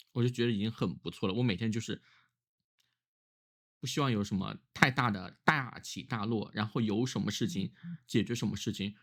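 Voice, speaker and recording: A man who is ill with a cough, talking casually and reflectively on his own in a weary, musing way, as a solo vlogger. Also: on the low side.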